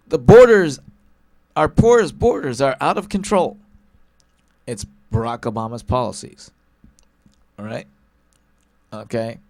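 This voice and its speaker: A man's voice: mid-range voice, a little mellow, no room sound. A male talk show host giving an emphatic political commentary monologue, hammering one point again and again and tagging his lines with "all right?" and "okay?".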